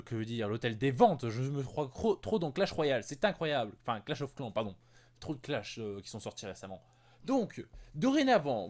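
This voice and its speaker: A man playing a rambling joking field reporter. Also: fairly high pitch. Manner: stumbling, self-correcting, joking asides. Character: chatty male field reporter, jokey and rambling. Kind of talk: amateur gaming news report.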